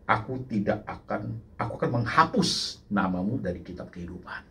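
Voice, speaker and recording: A man voicing God speaking softly and slowly to believers, promising to stay with them. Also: fairly low pitch, lively intonation, vocal fry, a little hiss or hum, full character voice. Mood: stern.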